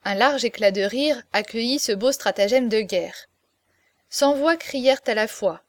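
A woman reads a classic novel aloud with lively, expressive storytelling. Her voice sits a little higher than most. The sound is dry and close, with no room echo. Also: a little slow. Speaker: narrator. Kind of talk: audiobook reading of a classic novel.

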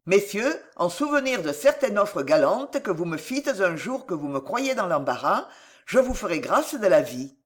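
Cool-headed veteran swordsman, dry and mocking, read by a narrator; lively, swinging delivery. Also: mid-range voice, moderate pace, natural voice. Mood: calm grave. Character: cool, ironic male swordsman, seasoned fighter. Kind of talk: audiobook character voice.

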